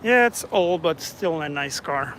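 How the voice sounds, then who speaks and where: A man from Romania casually narrating a walking tour of city streets as an independent reporter, chatty and relaxed. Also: on the high side, unhurried. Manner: relaxed, chatty, remarks on passersby. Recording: outdoor street noise behind.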